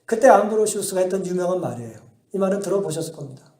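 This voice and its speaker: Male pastor, high and mellow voice, sermon with rhetorical questions, echoey church hall. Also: lively intonation, very fast. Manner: asks the congregation rhetorical questions and answers them; emphatic storytelling. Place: church sanctuary.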